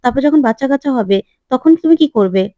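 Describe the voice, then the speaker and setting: A woman's voice: high voice, expressive, fast talker, mellow, no room sound, highs cut off. A woman voicing a nosy, prying young married woman in a retold TV serial, asking pushy, coaxing questions.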